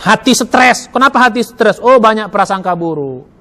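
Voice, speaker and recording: A man preaching a Ramadan sermon in a mosque, acting out inner thoughts with lively "oh" asides. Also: high-pitched, normal speed. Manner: lively, acts out inner dialogue with many "oh" asides.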